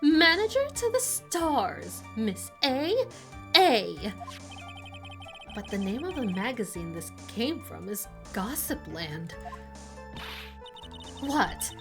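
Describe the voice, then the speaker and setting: A woman voicing a loud, pushy old woman witness who loves gossip, in a video game playthrough. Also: very animated, slow, pauses often, music in the background, exaggerated voice. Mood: shrieking. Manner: shrill, pushy and scolding.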